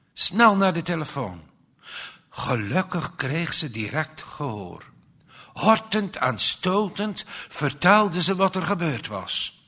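Slow, expressive male storyteller. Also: a little high. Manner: slow, expressive delivery with pauses. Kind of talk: dramatic story reading.

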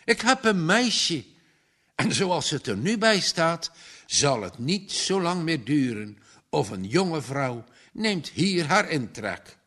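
A man's voice: a little high, very animated, slow, a bit bright, heavily acted. A man voicing a cheerful young man in love. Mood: joyful. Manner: cheerful, triumphant.

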